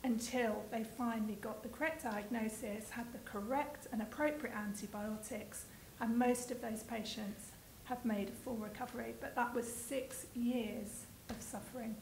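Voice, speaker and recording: A woman's voice: fairly high pitch, steady tone, normal speed, gravelly, few pauses, a little mellow, reverberant, slight background noise, low-quality recording. A woman speaking as a patient advocate in a panel discussion, earnest and emotional when she talks about her daughter.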